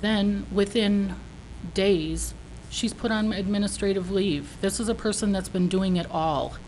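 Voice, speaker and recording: A woman's voice: mid-range voice, a little slow, darkish tone, poor audio. A woman gives a prepared public comment at a meeting, speaking in an emphatic, indignant manner. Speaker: citizen giving public comment. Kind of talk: prepared speech of complaint. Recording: faint noise, meeting room.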